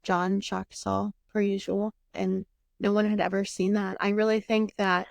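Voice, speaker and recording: A woman's voice: medium pitch, flat delivery, moderate pace, creaky, no room sound. A young woman hosting a podcast, telling a personal story candidly and emotionally, acting out what others said and swearing now and then. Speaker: podcast host.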